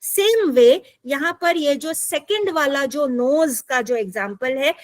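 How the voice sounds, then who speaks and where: High-voiced, slow teacher woman. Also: lively intonation, dry recording. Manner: patient, explains step by step with checking questions. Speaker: online English teacher. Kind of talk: explaining a lesson, mixing Hindi and English. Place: online video class. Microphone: computer mic in an online class.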